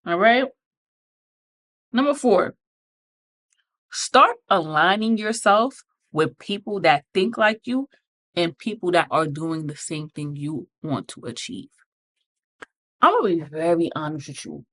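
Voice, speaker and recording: A woman's voice: lowish voice, a bit bright. A woman hosting a podcast, giving blunt, profane motivational advice with emphatic repetition and frequent check-ins with the listener. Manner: repeats points with frequent "okay?" check-ins. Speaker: podcast host. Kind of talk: motivational casual talk.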